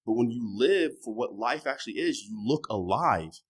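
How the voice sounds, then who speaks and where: This is a thirtysomething man talking casually as a podcast guest, cursing freely and lurching from loud emphasis to soft, fading remarks. He has a husky, medium-pitched voice, expressive and delivered at normal speed.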